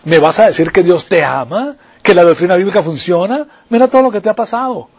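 A man's voice: sits high, expressive, brisk, darkish tone, slightly rough, full character voice. A man voicing a scornful, nagging wife who mocks her sick husband in an exasperated way. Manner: mocking, exasperated. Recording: dull lo-fi recording.

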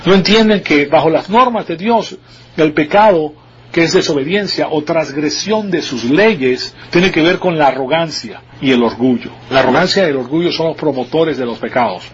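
A man's voice: a little high, dull audio, a little hiss or hum. A man preaching an expository Bible sermon, explaining patiently and asking the congregation rhetorical questions.

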